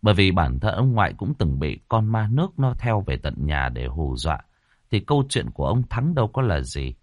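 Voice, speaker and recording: A man narrating a ghost story in a dramatic, expressive way. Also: deep voice, moderate pace, no echo. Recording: dry close voice over faint music.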